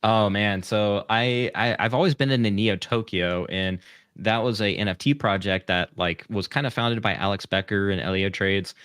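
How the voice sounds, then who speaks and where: A male guest talks loosely and at length, circling his points with ums and "you know". His voice sits on the low side. The sound is dry and close to the mic. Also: normal speed, a bit bright, clean tone, no room sound. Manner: rambling, hesitant with many fillers. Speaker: guest, content creator. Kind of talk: casual interview chat.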